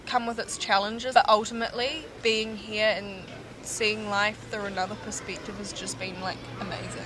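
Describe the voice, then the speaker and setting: A young New Zealand woman speaks casually to camera as a volunteer, upbeat and quick to agree. Her pitch is middling. Clear noise sits behind her voice. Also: flat delivery.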